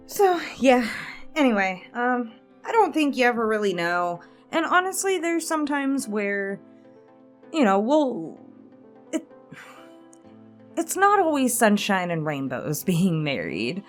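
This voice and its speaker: This fairly low-pitched woman in her late twenties hosts an ASMR channel and chats openly while taking subscriber questions. She wanders through personal anecdotes, chuckling softly, with instrumental music in the background.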